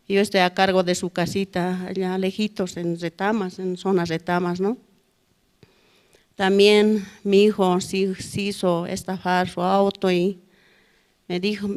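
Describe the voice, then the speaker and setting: A middle-aged woman gives a spoken testimony at a church prayer service, ending nearly every phrase with a questioning "no?". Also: medium pitch. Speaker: church member giving testimony. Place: church hall.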